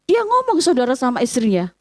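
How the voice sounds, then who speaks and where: A high-pitched woman preaches with an East Javanese accent, animated and quick to put questions to her congregation. Her voice comes across close and dry, with no room sound around it. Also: no room sound. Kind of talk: lively sermon. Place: church service.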